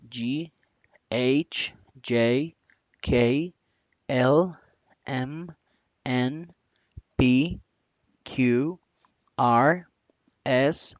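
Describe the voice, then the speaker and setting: A man with a Colombian Spanish accent teaching a recorded English lesson, slowly and deliberately, spelling out sounds one by one. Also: mid-range voice, a little mellow, no echo. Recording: dull, lo-fi sound.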